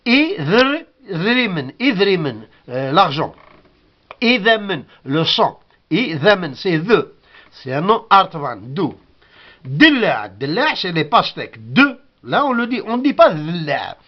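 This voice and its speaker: A man's voice: high voice, sing-song, takes it slowly, dull audio. A man whose first language is Kabyle gives a patient spoken lesson, repeating each word and sounding it out. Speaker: language teacher.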